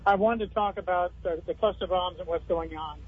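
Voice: mid-range voice, a little fast, slightly rough. A radio call-in caller with the phone held away from the mouth, sounding faint and hard to make out, pressing the point insistently. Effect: phone held away from the mouth, faint and hard to hear. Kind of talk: call-in on a talk radio show. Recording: thin, tinny phone line.

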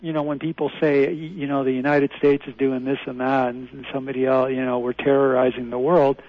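A man's voice: medium pitch, little pitch movement, a little fast, no room sound. A man calling in to a radio show over the phone, laying out his view earnestly and insistently. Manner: earnest, insistent, explaining a theory. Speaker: radio call-in caller. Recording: dry, muffled phone line.

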